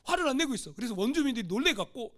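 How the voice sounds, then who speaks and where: Man, pastor, sermon, lively swinging pitch, storytelling, questions to the congregation. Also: very fast. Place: church sanctuary.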